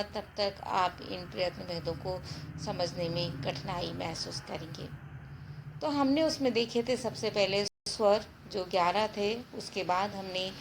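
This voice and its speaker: A woman teacher giving a slow, deliberate grammar lesson and addressing her viewers as friends. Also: mid-range voice, background noise. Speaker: Hindi teacher.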